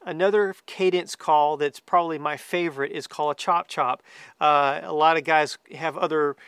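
A man's voice: a little high, steady tone, moderate pace, heavy background noise. A man around his forties from the United States, giving an informal how-to talk as a hunting instructor. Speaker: duck hunting guide and calling instructor. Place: outdoors among trees, seated.

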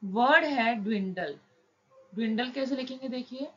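A woman teaching shorthand, explaining each word slowly and patiently, step by step. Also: sharp tone. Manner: slow, patient, drawn-out words. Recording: dull low-fi recording with faint noise.

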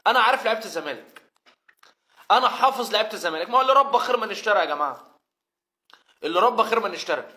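Egyptian man, middle-aged, high voice, quick animated football rant. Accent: Egyptian Arabic. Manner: animated, mimics imagined players and fans. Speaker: football fan commentator. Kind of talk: emotional fan video rant.

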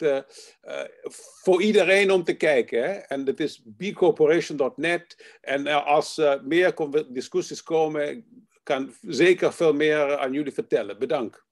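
Halting man on a video call. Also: a little high. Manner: halting, many fillers, mixes in English terms. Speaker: panel speaker. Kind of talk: online meeting talk. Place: home room, indoors.

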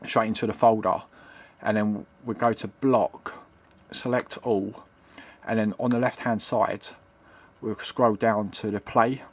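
This middle-aged retro computing hobbyist talks a little slowly in a lowish, steady voice while recording at his home computer desk with a handheld camera's built-in mic. His unscripted tutorial rambles and hesitates, with frequent repetition. A slight background noise is audible.

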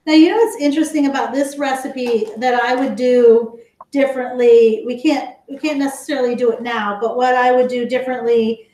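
A woman's voice: a little high, fairly even intonation, mellow, roomy sound. A woman teaching a live online cooking class for kids, chatting with her viewers as she explains each step. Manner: chatty, slow and explanatory, talks to viewers as guys. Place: home kitchen.

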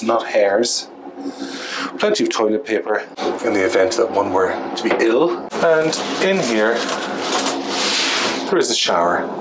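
A man's voice: on the low side, background noise. A man in his forties giving a dry, sarcastic room tour of a small ship cabin, filmed on a handheld camera at arm's length. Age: 40s. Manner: wry, dry sarcastic humour. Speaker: travel vlogger. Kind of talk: casual vlog room tour. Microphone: handheld camera at arm's length with small mic.

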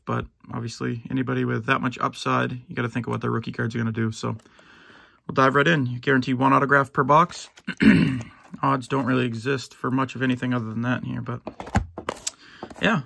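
A middle-aged man opening a box of sports cards for his channel, easygoing and rambling with lots of fillers and restarts, a little hoarse and clearing his throat now and then. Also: mid-range voice, steady tone, fairly quick, sharp tone. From United States. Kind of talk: casual box-break commentary. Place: at home, in his basement.

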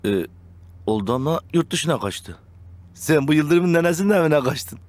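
A man's voice: fairly high pitch, lively intonation, moderate pace, close to an everyday voice. A young man playing a deferential henchman reporting to his boss in a TV comedy-drama, respectful and earnest. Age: young adult.

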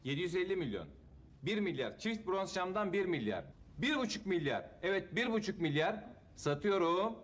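A man's voice: high voice, very animated, moderate pace. A man playing a formal auctioneer, announcing items and calling out rising bids. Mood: businesslike. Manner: announcing, repetitive calls. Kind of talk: auction patter in TV comedy.

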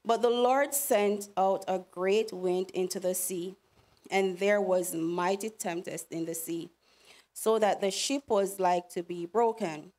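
A woman's voice: mid-range voice, fairly even intonation, a little mellow. A woman leading a church service, announcing a hymn and reading scripture with a few slips, heard from a podium mic in a sanctuary. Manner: measured reading with small slips. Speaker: service leader.

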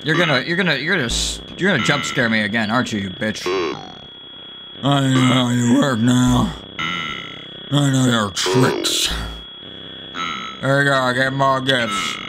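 A young man doing excitable, playful horror game commentary, breaking into exclamations and swearing, speaking close to a microphone in a room. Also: mid-range voice, creaky, background noise. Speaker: video game streamer.

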